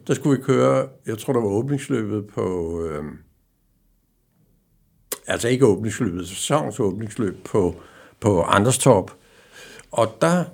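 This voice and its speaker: An older man tells an anecdote in a low, gravelly voice. He halts often with fillers and slips into the voices of the people in his story. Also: darkish tone. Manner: anecdotal, halting with many fillers, acts out quoted dialogue. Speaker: former racing driver. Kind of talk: casual storytelling.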